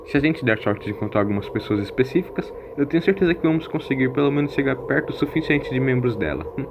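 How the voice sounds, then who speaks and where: A man's voice: medium pitch, lively intonation, fast talker, creaky, muffled recording, pitched above the performer's own voice. A man voicing an elderly, self-assured, evasive grandfather who hems and murmurs, in an audio drama. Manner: hemming, murmurs "hum" between phrases.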